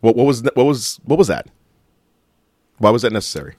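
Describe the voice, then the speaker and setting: A man's voice: medium pitch, big pitch swings, brisk, dark tone, no room sound, clean studio sound. A man with an American accent in a casual sports debate, insistent and contrary, often repeating himself for emphasis.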